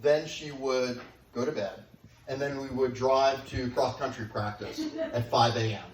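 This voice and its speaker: A middle-aged man giving a father of the bride wedding speech, sincere and affectionate, with deliberate pauses for the guests. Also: medium pitch. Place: large room at a wedding reception, guests present. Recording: echoey, noisy room, distant microphone.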